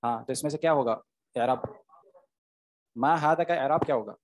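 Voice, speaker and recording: A man's voice: mid-range voice, normal speed. A man, teaching Arabic grammar in an online class, explaining step by step and often checking "okay?" with his students.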